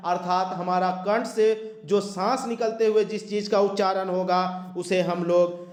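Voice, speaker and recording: A man's voice: high-pitched, fairly even intonation, unhurried. A man teaching an exam-prep grammar lesson, explaining step by step, repeating terms and drawing out example sounds. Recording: echoey room.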